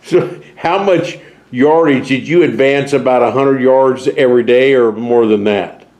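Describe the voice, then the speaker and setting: A man in an oral history interview puts short, direct questions to a veteran. His voice sits at a middle pitch. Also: measured pace, darkish tone.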